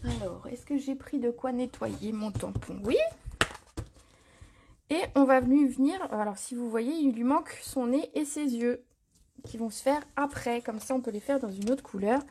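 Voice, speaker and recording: A woman runs a live craft tutorial stream, chatting casually as she works, reading viewer comments aloud and answering them, and filling pauses with little words. Her voice is on the high side and mellow, with a little hiss or hum in the recording.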